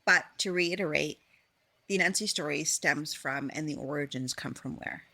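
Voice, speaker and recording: A woman's voice: low-pitched, normal speed, bright, forceful tone. A woman hosting a conversational interview. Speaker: interview host.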